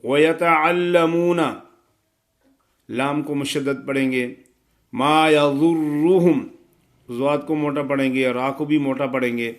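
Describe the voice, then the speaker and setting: A man teaching a recitation lesson, chanting verses slowly and melodically, then explaining the rules in quick, matter-of-fact speech. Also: mid-range voice, little pitch movement. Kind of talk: tajweed lesson.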